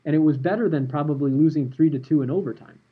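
Man, podcast host, husky voice, relaxed storytelling, slightly dull recording. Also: fairly high pitch, fast talker. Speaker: podcast host and former sports reporter.

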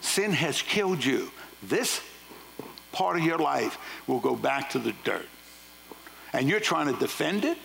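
A man's voice: medium pitch, very animated, a little slow, gravelly, a bit bright, slight background noise, poor audio. A man preaching a sermon, firing rhetorical questions and casual asides at his congregation. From Louisiana. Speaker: pastor.

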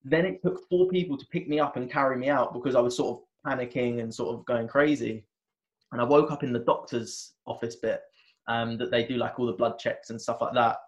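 This lo-fi clip features a man, a wellness coach being interviewed, whose voice is neither high nor low. He animatedly recounts a personal episode, performing his own earlier lines, while repeatedly restarting and leaning on fillers.

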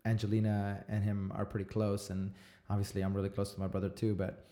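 A man in his thirties from Texas, hosting a casual podcast conversation in a relaxed, rambling way. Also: fairly low pitch, brisk. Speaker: podcast host.

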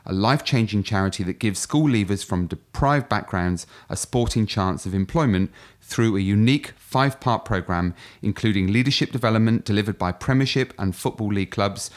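A man hosting a podcast, reading an upbeat intro and then putting questions to his guest. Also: fairly low pitch. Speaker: podcast host.

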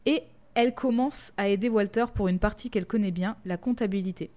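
A woman co-hosting a podcast, chatting casually and reading from her notes, quick to laugh. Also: mid-range voice. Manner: lively, quick to laugh, reads quotes in a measured voice. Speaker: podcast co-host. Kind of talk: casual chat mixed with reading notes aloud.

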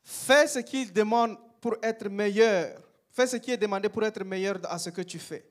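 Dude interpreting a sermon line by line, pretty high voice. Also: male voice, normal speed. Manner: echoes the preacher phrase by phrase.

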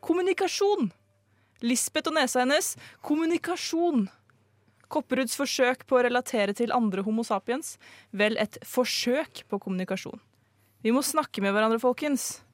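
A woman's voice: on the high side, dry recording, studio quality, lightly acted. A woman playing a theatrical male amateur sleuth who speaks in an earnest, dramatic, speechifying way, in a live comedic radio play.

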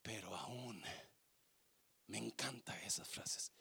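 A male pastor preaching a sermon with passion, calling out to the congregation and swinging from hushed to shouting. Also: fairly low pitch, slow pace, gravelly, slightly rough. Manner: calls out to congregation.

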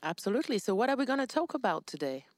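A woman from France with a French accent, co-hosting a podcast in a thoughtful, casual way and pausing to find her words. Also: fairly high pitch, very animated, dry recording, studio quality. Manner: thoughtful, searching for words with fillers. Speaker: podcast co-host.

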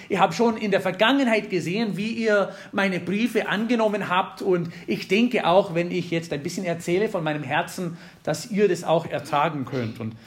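High-voiced man preaching casually. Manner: conversational, jokes with the congregation. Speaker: pastor. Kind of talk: sermon.

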